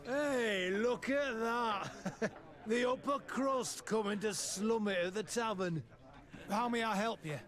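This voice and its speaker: High-voiced jovial town drunk soldier. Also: male voice, takes it slowly, a bit bright. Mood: amused. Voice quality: slurred drunkard's voice. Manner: town drunk, chuckling and familiar. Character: jovial male tavern soldier, town drunk who sees everything. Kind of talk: video game character acting.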